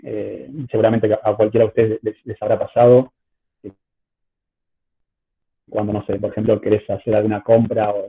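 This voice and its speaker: A man's voice: lowish voice, vocal fry, breathy edge. A male teacher giving an online class lecture, stumbling over repeated words, his voice coming through choppy, glitchy video-call audio. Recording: tinny call line with faint noise.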